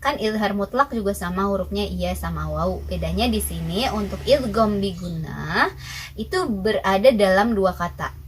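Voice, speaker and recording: A woman's voice: medium pitch, lively intonation, moderate pace, a little hiss or hum, rough recording. A young woman, patiently teaching Quran recitation rules step by step and asking her own questions before answering them. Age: young adult. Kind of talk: recorded tajwid lesson.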